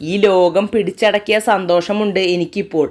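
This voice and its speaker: A woman voicing a loving middle-aged father who speaks in a soft, reassuring way. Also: mid-range voice, steady tone, normal speed, natural voice. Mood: tender.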